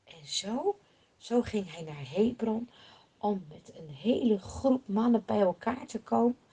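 A woman telling a Bible story expressively, swinging from emphatic to hushed. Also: medium pitch, lively intonation, measured pace, slightly rough.

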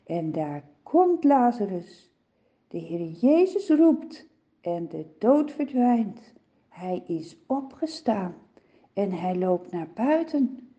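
A woman narrating a children's Bible story gently and expressively, with soft sighs. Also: medium pitch, very animated, takes it slowly, muffled recording.

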